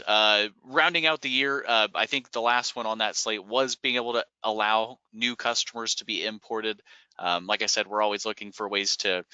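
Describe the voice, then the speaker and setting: A man from a software company walking through product features in a webinar, explaining in a relaxed way with frequent "uh" and "um" fillers. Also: on the low side, clean tone, no room sound, highs cut off. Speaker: software company staff presenting product updates. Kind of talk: webinar screen-share walkthrough.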